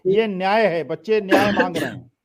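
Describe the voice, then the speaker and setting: High-voiced combative debating man. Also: expressive, a little fast, a loud crowd. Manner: combative, interrupts, lectures others. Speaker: debate panelist. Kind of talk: heated political panel debate.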